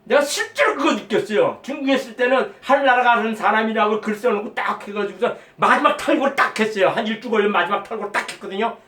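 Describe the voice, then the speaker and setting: High-voiced man preaching in an echoey room. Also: quick pace, few pauses, bright, forceful tone, distant mic. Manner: earnest, rambling, emphatic, with quoted prayers. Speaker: lay preacher giving testimony. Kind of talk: spoken testimony sermon.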